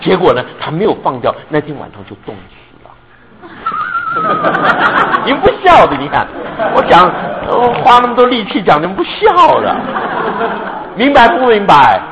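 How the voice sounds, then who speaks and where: Animated male preacher, lively pitch swings. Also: normal speed, pauses often, highs cut off, over a noisy crowd. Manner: animated, often checks if listeners understand; mixes English words into his speech. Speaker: pastor. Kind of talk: sermon with storytelling.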